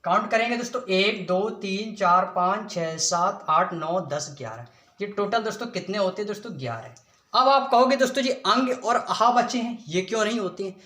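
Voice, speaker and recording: A man's voice: high-pitched, expressive, moderate pace, sharp tone, reverberant. A male teacher giving an exam-prep lesson, asking the class a question and then answering it himself, calling his viewers friends again and again.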